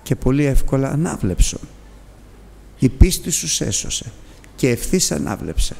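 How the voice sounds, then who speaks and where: A male preacher giving a sermon, telling the story dramatically with big swings in pitch and loudness. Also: animated, creaky, husky. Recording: long hall reverb.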